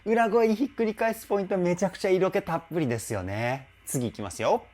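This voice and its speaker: A man's voice: high voice, expressive, quick pace, a little mellow. A man hosting a channel as a vocal trainer, breaking down singing in a reaction video with keen, explanatory enthusiasm. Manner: enthusiastic, explanatory, often exclaims how cool it is.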